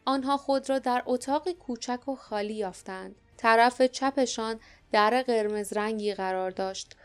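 A woman narrating an audiobook in an even, measured reading. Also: on the high side, clear, resonant tone. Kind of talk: scripted storybook narration.

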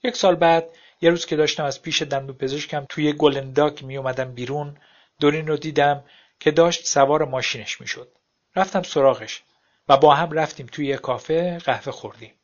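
A man tells a story in a wry, unhurried way. His voice sits slightly high. The recording is dull and lo-fi. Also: fairly even intonation. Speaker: narrator. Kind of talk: audiobook narration.

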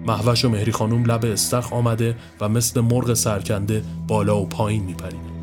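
A man's voice: on the low side, flat delivery. A man steadily narrating a scripted horror story. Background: soft music.

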